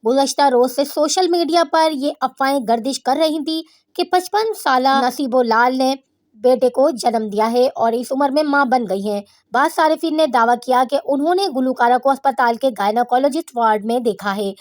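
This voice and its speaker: A woman's voice: sits high, no room sound, studio quality. A woman hosting a showbiz news channel, reading a news-style voice-over with critical, opinionated commentary.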